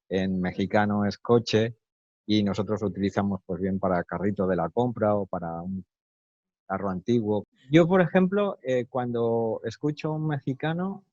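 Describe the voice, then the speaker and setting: A man from Spain with a neutral Castilian accent answers interview questions in an unhurried, thoughtful way, pausing on fillers and restarting his sentences. His voice is low and mellow. The sound is dull and lo-fi, with no room echo. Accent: neutral Castilian Spanish. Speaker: interview guest. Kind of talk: relaxed conversational interview.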